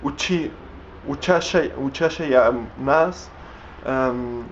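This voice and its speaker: Searching for words in a language he's learning, a young man with Spanish as his first language speaks haltingly in an unscripted vlog, full of fillers and words begun again. His voice is middle-pitched, and the somewhat dull lo-fi recording has a faint hiss beneath it.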